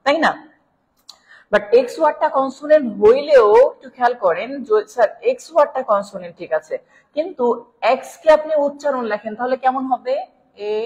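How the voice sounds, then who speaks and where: A woman's voice: high voice, a little mellow. A woman with a Bangladeshi Bengali accent teaching an English grammar class live online. She explains step by step, keeps checking in with listeners, and calls them "sir". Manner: explanatory, checks in with "right?", addresses viewers as "sir". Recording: long reverb.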